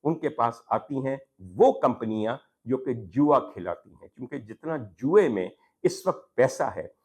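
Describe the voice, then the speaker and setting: Speaking formally to viewers, a Pakistani-accented talk programme host delivers an opinion piece on social issues, full of rhetorical questions and repeated points for emphasis. He has a mid-range, husky, slightly mellow voice, animated but a bit slow.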